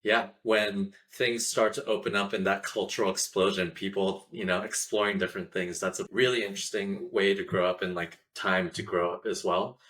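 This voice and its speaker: A man hosting a podcast, reading a scripted introduction and asking relaxed follow-up questions. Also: low-pitched, moderate pace, hardly any pauses, poor audio. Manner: scripted intro, then easy conversational questions. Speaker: podcast host.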